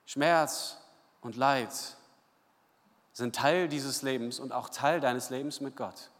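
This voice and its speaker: A man preaching a sermon, retelling the story casually and voicing the figures with lively quotes. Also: mid-range voice, slow, long reverb tail. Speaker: pastor.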